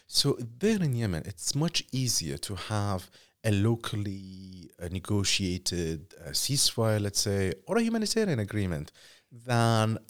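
A middle-aged man from Iraq speaks as an interview guest, his voice sitting low. He talks in measured, reflective sentences and works through lists of examples. He sometimes restarts a phrase before finishing it. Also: very animated. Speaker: journalist guest.

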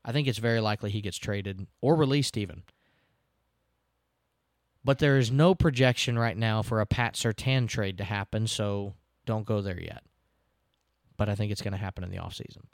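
A man's voice: fairly low pitch, normal speed, pauses often, dry recording, studio quality. A man, hosting a casual sports podcast, recapping games in a chatty, self-deprecating way and laughing now and then.

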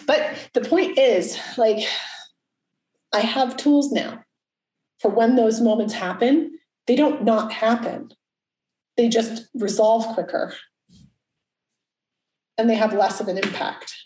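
A woman's voice: a little high, slow pace, pauses often, dark tone, echoey room, low-quality recording. A woman in her early forties, a coach, talking frankly and reflectively in casual chat, cursing now and then. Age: 40s.

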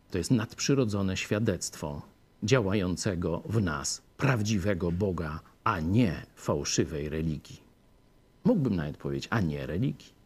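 Husky-voiced man preaching a sermon. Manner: emphatic, swinging between raised peaks and low hushed phrases.

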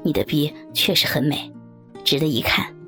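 A woman putting on a husky, coaxing young man. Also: moderate pace. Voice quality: low husky put-on voice. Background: soft guitar music.

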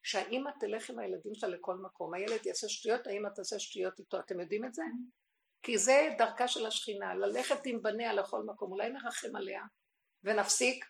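A woman giving an impassioned religious teaching, swinging from hushed, intimate tones to crying out. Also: mid-range voice, gravelly, a little hiss or hum. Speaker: spiritual teacher. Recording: echoey room recording.

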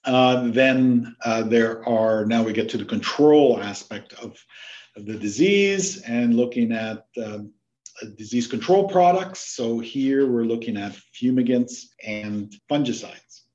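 A man from Canada, a researcher guest on a podcast interview, who explains his work in a halting way with many fillers and restarts. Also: medium pitch, expressive, darkish tone, dull audio. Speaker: plant disease researcher, guest.

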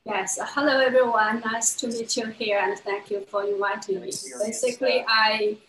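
A woman in her fifties from China, speaking English as a second language, tells her own story to a panel in an earnest way, sometimes pausing and restarting. Her voice sits a little high for a woman and carries a roomy echo. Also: steady tone, a bit bright, slight background noise. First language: Chinese. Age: 50s. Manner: earnest, with some halting restarts. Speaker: guest. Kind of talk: personal testimony on a panel.

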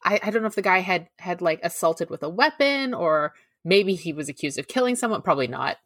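A woman's voice: fairly low pitch, lively intonation, fairly quick, a bit bright, no echo. Rambling woman telling a story, dry sound. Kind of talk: casual chat.

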